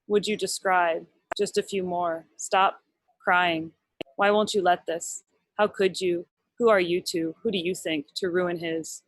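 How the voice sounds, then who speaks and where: A woman's voice: on the low side, no room sound. A woman reading her poetry at a livestream, with an intense, questioning delivery.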